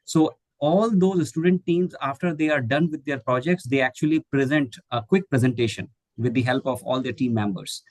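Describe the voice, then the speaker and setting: In a dry, rough recording, a guest speaker answers online webinar questions at normal speed with hardly any pauses, his pitch medium. This middle-aged English teacher trainer from India, whose first language is Hindi, still hesitates often with fillers and restarts.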